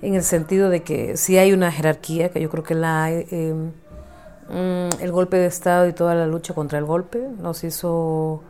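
A middle-aged woman from Honduras, an interview guest speaking thoughtfully about politics, pausing and searching for her words. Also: lowish voice, flat delivery, dark tone. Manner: thoughtful, searching, with restarts and tag questions. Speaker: interview guest, feminist activist and writer. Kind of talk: reflective conversational interview.

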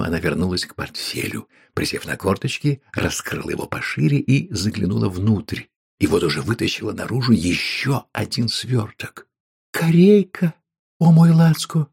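Gravelly, husky male narrator. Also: on the low side. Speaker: audiobook narrator. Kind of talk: scripted narration.

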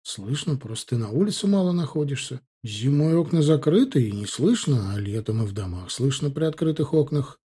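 A man voicing a bantering teenage friend in an audiobook, quick to tease. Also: mid-range voice, lively intonation, warm tone, slightly rough. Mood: explaining. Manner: teasing, bantering. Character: lively teenage boy, joking friend. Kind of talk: audiobook character voice.

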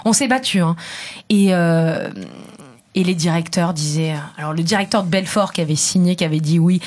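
Animated woman telling radio stories. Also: lowish voice, normal speed. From southern France. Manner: animated, acts out dialogue in quotes. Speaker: radio presenter guest. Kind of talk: conversational storytelling interview.

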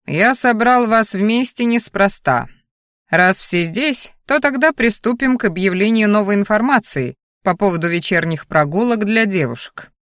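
A woman's voice: medium pitch, lively intonation, dry recording, studio quality, lightly acted. A woman reading a stern grey-haired magister. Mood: lecturing. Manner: measured, gently reproving lecturer.

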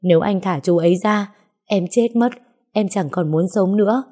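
A woman's voice: medium pitch, normal speed, mellow, lightly acted. A woman voicing a devoted young woman in an audio story who coaxes and pleads. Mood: desperate pleading. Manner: pleading, coaxing.

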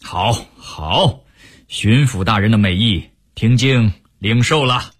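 A man's voice: lowish voice, breathy edge, pitched below the performer's own voice. A man voicing a dignified imperial envoy. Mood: courteous. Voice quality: measured and dignified. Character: calm upright male imperial envoy, middle-aged. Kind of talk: Chinese storytelling radio performance.

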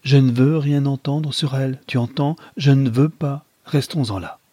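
A man's voice: medium pitch, normal speed, darkish tone, slightly rough, dry recording, close to an everyday voice. A man reading a novel aloud, voicing a distraught young husband who pleads and then cries out in anguish. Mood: firm refusal. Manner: pleading, rising to anguished outcries. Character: Adolphe, anguished young husband, easily wounded.

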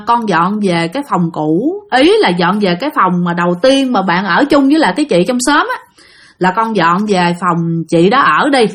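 A woman's voice: on the high side, a bit bright. A woman with a Southern Vietnamese accent, a channel host retelling listeners' stories in a chatty way that speaks straight to her audience. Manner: chatty, addresses listeners directly. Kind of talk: casual storytelling narration.

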